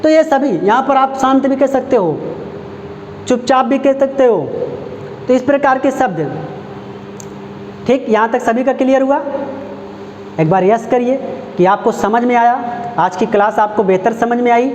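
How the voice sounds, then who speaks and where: A male Hindi grammar teacher from Uttar Pradesh giving an online class, repeating example phrases slowly and checking understanding with rhetorical questions. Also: extremely high pitch, darkish tone, a little hiss or hum. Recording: echoey, dull lo-fi room recording.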